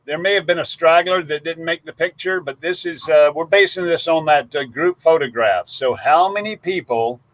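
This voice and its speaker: A man's voice: on the high side, normal speed, few pauses, a bit bright, dry recording. A man co-hosting a casual live stream, folksy and chatty, rattling off viewer guesses. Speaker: livestream co-host.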